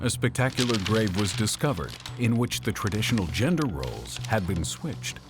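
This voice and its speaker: A man giving measured, scripted documentary narration. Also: fairly low pitch, very animated. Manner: measured and explanatory. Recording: music bed behind.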